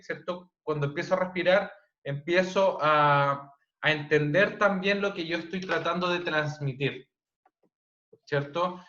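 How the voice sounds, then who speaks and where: A man with a Chilean accent teaching an online class, speaking loudly and checking in with tag questions. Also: fairly high pitch. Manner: loud, frequent "¿cierto?" tag questions. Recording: dull, roomy online-class audio.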